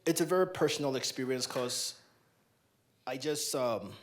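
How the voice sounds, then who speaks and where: In a large hall, a young man from Ghana directs a libation ceremony, voicing solemn, repeated invocations through a handheld mic. His mid-range voice runs at a normal speed throughout the ceremonial address.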